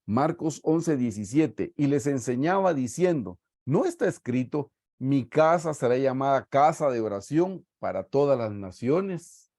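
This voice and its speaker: Man, Guatemalan Spanish accent, sermon-style Bible study, warm dark voice, video call, verses read slowly. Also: medium pitch, expressive, no room sound, studio quality. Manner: reads verses slowly, often addresses listeners as brothers.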